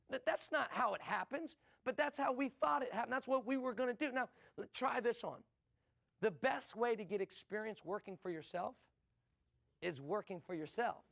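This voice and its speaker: A man's voice: very high-pitched, creaky, a bit bright. A middle-aged man from the USA giving a motivational business seminar talk, asking rhetorical questions and repeating short punchy lines. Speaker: business speaker.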